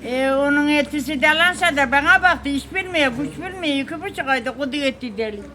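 A woman's voice: high voice, fairly quick, crowd noise. An old woman with a rural Turkish dialect chatting and reminiscing in a folksy way, calling her listener dear. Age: elderly. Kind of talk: casual chat, reminiscing. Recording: noisy recording with ambient sound.

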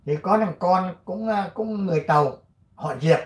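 A man's voice: high voice, moderate pace. Older Vietnamese man, rambling and echoey. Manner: rambling, many fillers and throat clearing. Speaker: channel host. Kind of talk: casual commentary and reading aloud.

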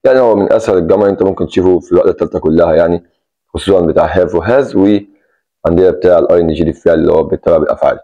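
A man's voice: low voice, racing, dark tone, highs cut off. A man with an Egyptian Arabic accent teaching an English grammar lesson, explaining step by step and repeating key points. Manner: explains step by step, repeats key words, stresses "take care".

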